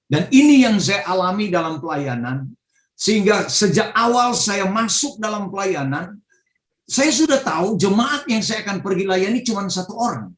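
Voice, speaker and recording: A man's voice: high voice, expressive, moderate pace, roomy sound. A middle-aged male pastor, giving an emotional testimony sermon with fervent exclamations over a video call.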